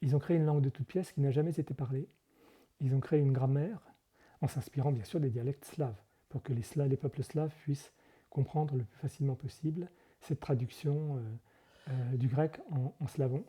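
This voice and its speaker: A man speaks at a medium pitch in a steady, slightly fast voice that sounds mellow with a touch of roughness. He's a monk in a conversational interview, explaining things carefully but hesitating often, using lots of fillers and correcting himself as he goes.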